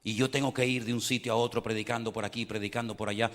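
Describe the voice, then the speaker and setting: An older man, preaching a sermon as pastor, moving between fervent appeals and hushed prayer. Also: mid-range voice, steady tone, fast, long reverb tail. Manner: impassioned preaching, swinging from loud to hushed prayer.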